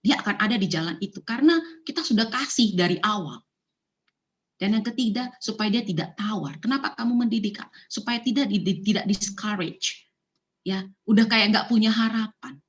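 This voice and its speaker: A woman's voice: medium pitch, normal speed, dull audio. Woman preaching in a conversational way. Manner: conversational, mixes English phrases, many fillers and rhetorical questions. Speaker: church speaker. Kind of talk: sermon on parenting.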